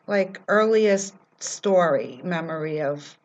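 A woman's voice: on the low side, expressive, slow, low-quality recording. A woman hosting a podcast, chatting casually as she interviews a guest in a basement room. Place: library basement.

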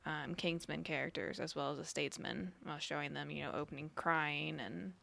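A woman co-hosting a casual film chat, making her points in a measured way with hesitant fillers. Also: deep voice, steady tone, vocal fry, sharp tone.

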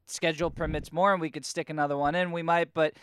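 A man's voice: a little high, little pitch movement, fast talker, fairly bright tone, clean tone. A man co-hosting a podcast, chatting casually with a wry, joking way of talking. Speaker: podcast co-host. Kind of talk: casual chat.

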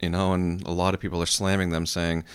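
A middle-aged man co-hosting a radio show, chatting casually about practical advice in a halting, thinking-aloud way. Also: low-pitched, little pitch movement, smooth, no echo. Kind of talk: casual money-advice chat.

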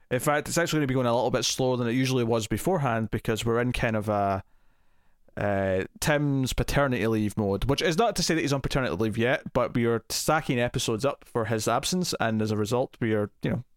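A man of middle pitch hosts a casual podcast, rambling through updates with many "uh"s and restarts. His voice is close and dry, with no room around it. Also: fast talker, clear, resonant tone, no echo. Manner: chatty, many fillers and restarts. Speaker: podcast host. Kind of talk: casual chat.

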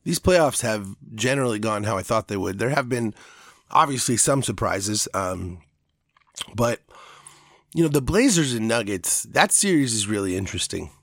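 A man's voice: on the low side, expressive, moderate pace, fairly bright tone, no room sound, clean studio sound. An American man giving casual, unscripted sports commentary in a rambling, opinionated way.

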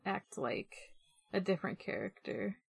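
A woman's voice: medium pitch, animated, unhurried, vocal fry. A woman co-hosting a podcast, chatting casually and rambling with lots of "like" fillers. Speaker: podcast co-host. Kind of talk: casual chat.

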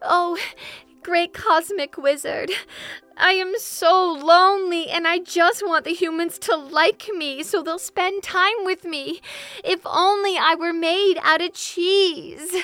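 A woman's voice: extremely high pitch, slow pace, sharp tone, faint music behind, pitched above the performer's own voice, heavily acted. A woman voicing a lonely, sad female moon who whimpers and pleads in a tearful way. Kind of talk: storytelling with character voices.

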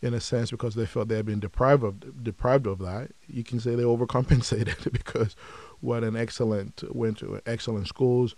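A man from Nigeria, a podcast guest, telling his story in a measured, reflective way with frequent pauses. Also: medium pitch, fairly even intonation, darkish tone, dry recording. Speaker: podcast guest, company founder. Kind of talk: conversational interview.

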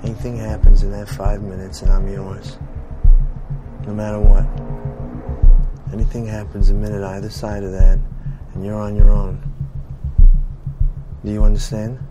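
A man's voice: on the low side, moderate pace, long pauses, close to an everyday voice, low-quality recording. An actor playing a terse male getaway driver laying down rules in a film clip. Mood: cold. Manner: curt, flat, clipped. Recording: film audio with loud music.

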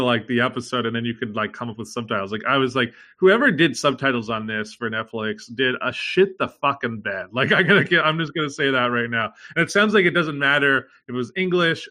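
A man chatting loosely with friends, his voice bright and a little sharp. He rambles, piles up fillers and swears casually as he goes. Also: mid-range voice. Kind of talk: casual chat.

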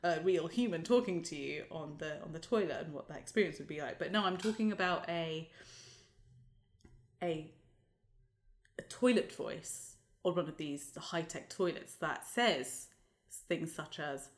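Woman podcast co-host, casual chat, lowish voice, laughs often. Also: unhurried. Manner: chatty, laughs often, animated asides.

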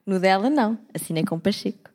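Young Portuguese woman co-host, chatty and quick, does voices as she tells stories. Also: mid-range voice. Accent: European Portuguese. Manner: animated storyteller, acts out voices. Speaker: podcast co-host. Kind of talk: casual chat.

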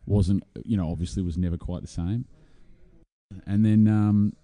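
Deep, mellow Tasmanian Australian man chatting. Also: fairly even intonation, normal speed. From Hobart, Tasmania, Australia. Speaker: interview guest, singer-songwriter. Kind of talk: casual chat.

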